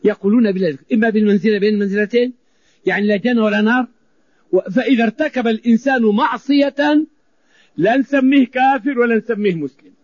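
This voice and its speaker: High-voiced preacher, emphatic. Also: male voice, fast talker, no room sound. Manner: emphatic, repeating phrases for stress. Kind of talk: sermon. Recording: dull lo-fi recording.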